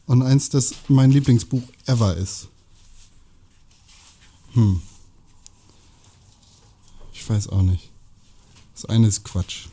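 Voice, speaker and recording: Mellow-voiced man in casual chat. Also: mid-range voice, slow, long pauses. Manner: joking, reading book passages aloud. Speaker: podcast co-host. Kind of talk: casual chat among friends.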